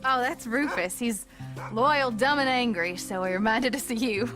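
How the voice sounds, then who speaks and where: A woman's voice: on the high side, normal speed, over music, natural voice. An actress playing a frontier wife and mother in a western game, with a teasing, dry manner.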